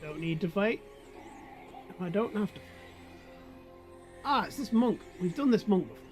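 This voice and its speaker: A man's voice: high-pitched, animated, moderate pace, soft background music. A man giving casual, chatty commentary over his gameplay, sleepy and yawning, joking at his own expense as he talks to his chat. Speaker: gaming video creator.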